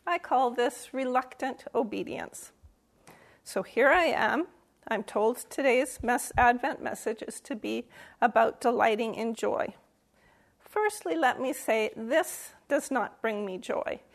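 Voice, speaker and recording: An older woman delivers an Advent message to a camera in a slightly high voice with a gravelly edge. She tells a self-deprecating story with dry humor and breaks into sudden emphatic bursts. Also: takes it slowly. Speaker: lay church speaker.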